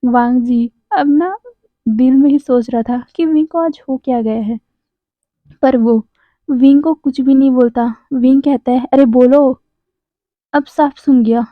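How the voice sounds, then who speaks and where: A woman's voice: high voice, steady tone, a little slow, no room sound. A woman retelling a fan fiction story aloud, with chatty asides between story lines. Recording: dry, tinny phone-like sound.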